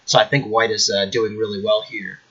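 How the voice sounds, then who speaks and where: Indoors at home, a chess-channel host with a cold chats casually, his voice slightly nasal and congested as he rambles with many fillers. He speaks briskly in a lowish, husky, somewhat bright voice with little pitch movement, and the highs are cut off.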